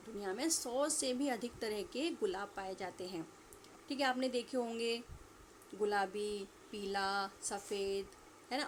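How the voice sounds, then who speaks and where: A woman's voice: medium pitch, a little hiss or hum. A woman teacher giving a lesson to young children, asking questions and answering them herself, and stretching out words for pupils to repeat. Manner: slow, drawn-out repetition for pupils to echo. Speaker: school teacher.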